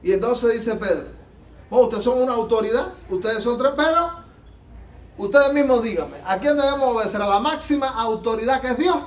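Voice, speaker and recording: A man preaching a sermon as pastor, fervent and emphatic, swinging between loud peaks and quiet low passages, recorded in a church. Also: brisk, recorded from a distance. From Latin America. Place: church sanctuary. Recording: echoey church hall, off-mic.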